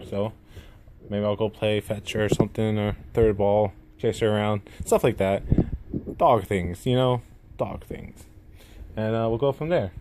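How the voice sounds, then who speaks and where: Lisping man with drawn-out S sounds. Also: on the low side, dark tone. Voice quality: lisp with drawn-out, slurred S sounds. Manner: rambling, self-effacing. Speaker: gaming YouTuber introducing himself. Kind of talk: casual unscripted vlog to camera. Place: indoors at home. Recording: noticeable room noise.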